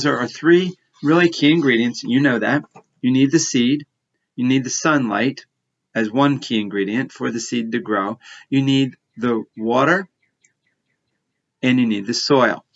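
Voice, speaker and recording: A man's voice: medium pitch, a bit bright. A man with a kindergarten teacher voice giving a science lesson and telling a story to preschoolers, explaining simply and repeating key words. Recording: slightly muffled lo-fi audio.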